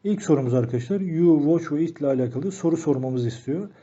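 A man teaching an English grammar lesson, slowing down to read each example sentence aloud. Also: fairly high pitch, animated, mellow, breathy edge. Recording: dull lo-fi recording.

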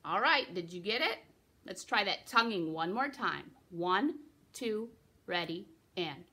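A woman's voice: medium pitch, big pitch swings, measured pace, sharp tone. A young woman giving a recorder lesson for children, patiently explaining and encouraging, counting her students in. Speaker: music teacher.

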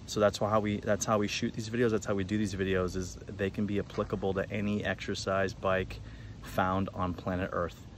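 Casting: male cycling coach, thirties, fairly low voice, casual and emphatic delivery to camera, slight outdoor noise. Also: little pitch movement, fairly quick. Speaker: cycling channel host and spin instructor. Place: outdoors among trees. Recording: faint outdoor ambient noise.

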